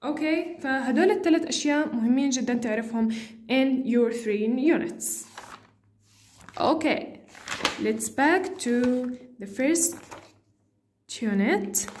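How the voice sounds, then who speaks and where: A woman teacher reviewing for an exam, speaking slow, repetitive English and switching to quick asides. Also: high voice, animated, darkish tone, slight background noise.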